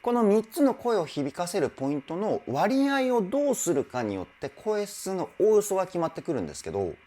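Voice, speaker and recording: A vocal coach reacting to a live performance, excitedly admiring it and then explaining singing technique step by step. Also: medium pitch, fairly quick. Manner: enthusiastic, exclaims in admiration between explanations. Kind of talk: reaction video with vocal analysis. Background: faint music from the video being reviewed.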